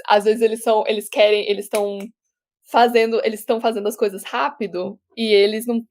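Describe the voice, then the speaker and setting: A young woman from Brazil, an actor, chatting casually as a guest over a remote call, talking with many restarts and quick laughs. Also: a little high, a little mellow. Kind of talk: casual interview chat.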